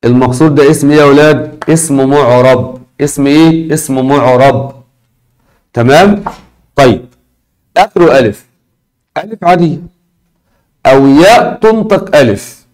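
A man with an Egyptian Arabic accent teaching a recorded lesson, repeating key words slowly and asking his students questions. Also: medium pitch, darkish tone.

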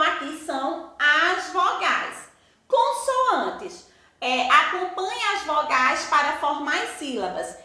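A Brazilian woman with an extremely high, pushed, bright voice teaches a primary school class in a recorded lesson, speaking with a Brazilian Portuguese accent. She explains patiently, step by step, and poses rhetorical questions to the children. The room is echoey.

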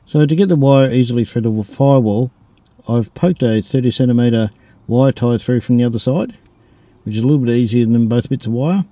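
An Australian man in his forties hosts a how-to four-wheel-driving channel, giving a casual, matter-of-fact DIY tutorial in a laid-back, slangy way. He's outdoors in a driveway and around vehicles, and noticeable ambient noise runs in the background. His mid-range voice sounds mellow, and the audio is dull.

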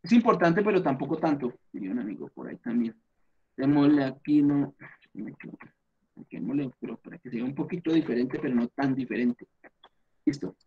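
A man's voice: mid-range voice, expressive, moderate pace, husky, highs cut off. A man with a Colombian accent teaching a class, explaining things patiently step by step and often checking in with his students. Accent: Colombian Spanish.

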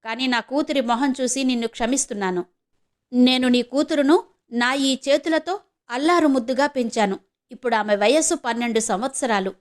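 A woman's voice: sits high, normal speed, lightly acted. A woman reading as a fierce adoptive mother. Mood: scolding. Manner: scolding, indignant. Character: angry, protective adoptive mother, adult woman.

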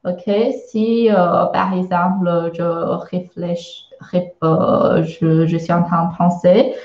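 A woman's voice: lowish voice, little pitch movement, slow, a little mellow, roomy sound, lo-fi sound. A woman with a Chinese accent and Mandarin as her first language, teaching a live online lesson and explaining patiently with many hesitations and filler sounds.

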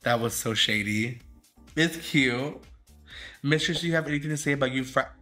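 A man's voice: medium pitch, normal speed, sharp tone, soft background music. A man, a drag queen host, giving sassy, dramatic, shady live commentary while judging a game fashion show.

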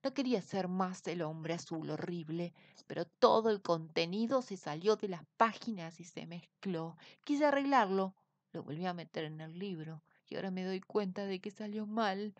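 A woman's voice: lowish voice, moderate pace, no room sound, natural voice. A woman voicing an ugly blue man full of remorse, pleading and apologizing. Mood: apologetic.

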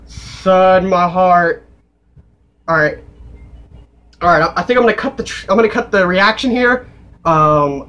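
A young man reacting to a video game trailer, excitable, yelling and cursing. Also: high voice.

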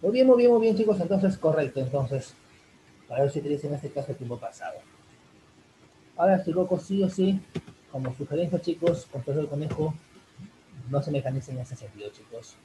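A man teaching an online English class in Spanish, answering a student's question in a rambling way with many fillers, addressing the students warmly as "chicos". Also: a little high, fairly quick, pauses often, slight background noise, low-quality recording. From Peru. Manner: rambling, full of fillers like "en este caso" and "chicos".

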